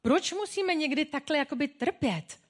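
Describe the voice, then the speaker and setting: A woman's voice: high-pitched, expressive. Woman preaching in a conversational way. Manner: personal, humorous, conversational preaching. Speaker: pastor. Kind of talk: sermon.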